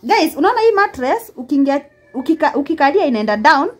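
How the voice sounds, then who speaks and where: A young Kenyan vlogger speaks fast in a high-pitched, Kenyan-accented voice during a lively house tour of her small apartment and balcony. Laughing often, she addresses viewers directly in mixed English and Swahili, filmed on a handheld phone.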